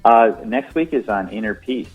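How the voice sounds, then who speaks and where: A man with a very deep voice speaks as an author guest on a radio show. He talks in an earnest, reflective way. His voice comes through a thin, tinny phone line. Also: moderate pace, soft background music. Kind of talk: casual radio interview talk.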